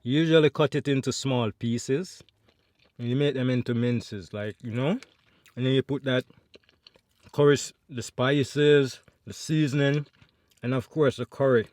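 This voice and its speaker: A man's voice: mid-range voice, a little slow, a little mellow, no echo. A Jamaican man chatting to viewers between bites in a mukbang eating vlog at home. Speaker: food vlogger.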